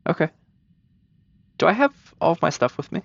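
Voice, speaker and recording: Gravelly man playing a tabletop game. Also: a little high, sing-song, a little fast, no echo, muffled recording. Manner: cautious, curious, asks many questions. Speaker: player.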